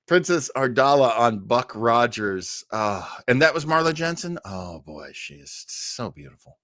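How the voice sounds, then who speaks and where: A man with a fairly low, somewhat bright voice hosts a live web show about old-time radio, recorded in studio quality with no room sound. He chats casually to viewers, enthusiastic and rambling, tossing in playful asides.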